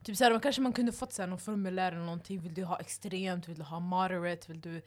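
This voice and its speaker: A woman's voice: fairly low pitch, fairly even intonation, darkish tone. Young woman, casual storytelling, filler-heavy. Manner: storytelling with many fillers like "så här". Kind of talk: casual group chat.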